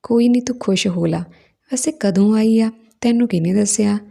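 A woman voicing an earnest young married woman who sounds ill, with soft pleading questions, in a storybook reading. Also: mid-range voice, moderate pace, gravelly. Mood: eager.

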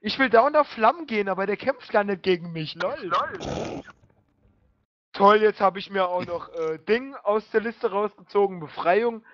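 Drunk young german guy on a headset, high voice, swears a ton, muffled lo-fi chat audio. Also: moderate pace, no room sound. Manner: crude, swears a lot, excitable. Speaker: online gamer. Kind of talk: casual voice chat while gaming.

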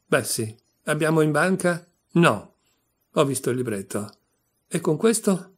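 A man reading a story aloud, voicing a jealous, sharp-tongued middle-aged baker's wife who scolds shrilly. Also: fairly high pitch, expressive, unhurried, slightly rough, pitched above the performer's own voice. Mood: shrill. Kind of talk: audiobook reading.

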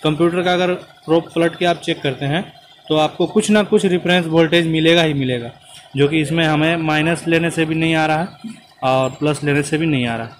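A car mechanic explains diagnostics while working, in a hands-on repair tutorial set inside a car and at the open engine bay outdoors. His voice is a little high and fairly even, his pace brisk, with a slight hiss or hum in the recording.

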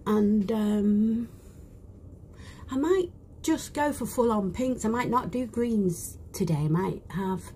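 A woman with a broad British accent talks through her makeup in an easy, unhurried way. She keeps a mid-range voice and now and then drops to a soft whisper as she works. A faint hum sits behind her in a small cabin. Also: medium pitch. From United Kingdom. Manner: chatty, drops into soft whispered asides while working. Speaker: beauty vlogger. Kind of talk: casual live makeup chat. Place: small cruise ship cabin.

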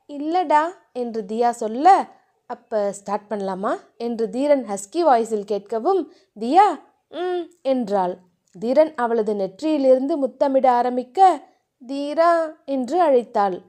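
High, lively woman reading a novel. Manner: expressive storytelling. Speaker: audiobook narrator. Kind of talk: scripted novel narration.

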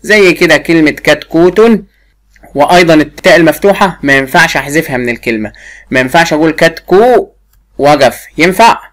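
A woman teacher with an Egyptian Arabic accent, giving a first-grade lesson and drilling a pupil with repeated questions while drawing words out slowly. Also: sits low, fairly bright tone. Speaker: primary school teacher.

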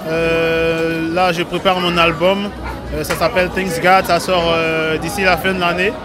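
A man's voice: fairly high pitch, little pitch movement, unhurried. A man in his thirties, an artist and producer, giving a casual interview with hesitant fillers. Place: indoor event room, backstage. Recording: crowd and music behind.

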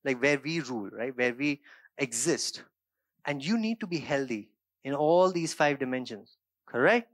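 A man in his thirties from India preaches a sermon into a handheld microphone, talking in a friendly, conversational way and often checking in with his listeners. His voice sits at a middle pitch. The sound is dry and close, with little room echo. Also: lively intonation, normal speed. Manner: gestures a lot while preaching on a stage. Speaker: pastor. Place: small church stage studio, indoors. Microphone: handheld mic.

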